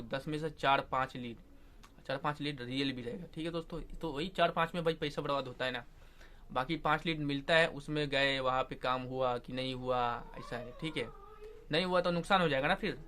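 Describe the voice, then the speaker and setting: A man's voice: on the high side, pushed and bright. A young man, an AC technician, giving casual advice to his viewers in a chatty way, often checking in with them. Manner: chatty, repeats "theek hai doston" and "aisa hai". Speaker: AC technician vlogger.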